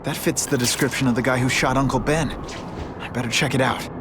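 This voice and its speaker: A man's voice: medium pitch, steady tone, a little fast, background noise, natural voice. A man playing a driven, grieving young superhero narrating his story in a video game. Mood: focused. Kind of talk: first-person game narration. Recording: loud music behind the voice. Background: loud music.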